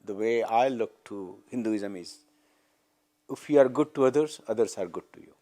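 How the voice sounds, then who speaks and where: A man with an Indian English accent explains his views simply and earnestly. His voice is dark and mellow. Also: on the low side, normal speed. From Baroda, Gujarat, India. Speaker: temple member. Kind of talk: documentary interview.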